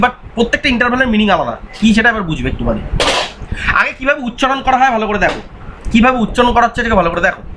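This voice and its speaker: High, bright-voiced math teacher. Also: male voice, slight background noise. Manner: repetitive, quizzing, voices imagined student answers. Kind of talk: recorded online exam-prep lecture.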